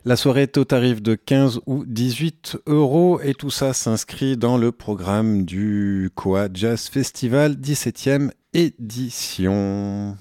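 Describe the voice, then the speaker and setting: A man hosting local radio, reading out an events agenda in a relaxed way with frequent fillers and small self-corrections. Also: mid-range voice, slow pace, few pauses, dry recording, clean studio sound.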